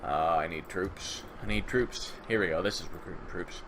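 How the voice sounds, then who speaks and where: A man casually commentating a strategy game at home, relaxed and rambling, thinking aloud, a bit sleepy. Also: sits low, normal speed, slight background noise. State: sleepy, just woke up. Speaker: gaming channel host. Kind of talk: casual let's-play commentary.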